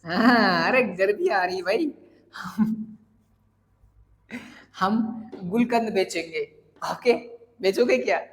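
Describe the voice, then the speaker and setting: A man's voice: high voice, lively intonation, slow, pauses often, fairly bright tone, long reverb tail. A man from Jaipur teaching a casual spoken English lesson, playful and joking, often asking rhetorical questions. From Jaipur, India.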